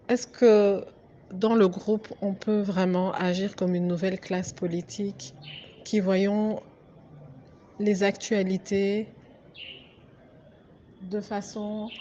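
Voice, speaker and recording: A woman activist from Congo addresses viewers in an emphatic, pleading political monologue, repeatedly asking "ok?". Her medium-pitched voice has a darkish tone, and the dull lo-fi recording carries a little hiss or hum.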